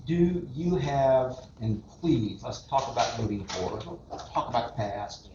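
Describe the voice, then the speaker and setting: A man makes a measured, deliberate public comment at a city meeting. His voice rings through a very echoey room. The sound is muffled, with faint noise underneath. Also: mid-range voice. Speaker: resident speaking at public comment.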